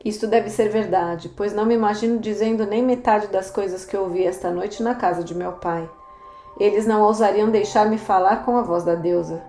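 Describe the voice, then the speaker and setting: A woman reading the lines of a wistful, resigned young woman in an audiobook, speaking softly. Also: mid-range voice, normal speed, natural voice. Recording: roomy echo, faint music.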